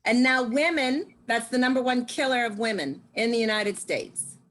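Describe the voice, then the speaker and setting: A woman in her sixties giving a casual, lively testimonial, laughing often. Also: on the high side, moderate pace, low-quality recording. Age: 60s. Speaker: guest speaker.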